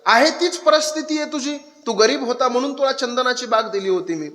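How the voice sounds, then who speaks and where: A man's voice: very high-pitched, fairly quick, voice pushed up. A man putting on the voice of a stern king questioning a blacksmith in a parable. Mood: commanding. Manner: commanding, questioning. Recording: echoey hall with loud crowd noise.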